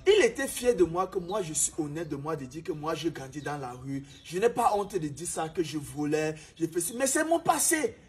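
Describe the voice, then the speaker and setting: A man's voice: fairly high pitch, animated, moderate pace, few pauses, husky. A young man from Cameroon with a Cameroonian French accent, telling his life story as a preachy, emphatic motivational talk. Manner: preachy, emphatic, repeats himself. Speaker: restaurant manager.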